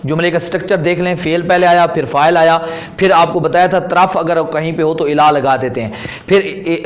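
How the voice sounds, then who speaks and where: A man with an Urdu accent giving a classroom grammar lecture, explaining patiently and repeating terms slowly. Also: a little high. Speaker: Arabic grammar teacher.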